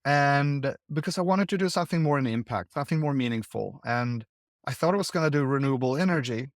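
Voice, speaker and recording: A man's voice: mid-range voice, lively intonation, fast, dry recording, studio quality. A man from Sweden, a guest investor, speaking thoughtfully in an interview, often repeating words as he restarts. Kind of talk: conversational interview.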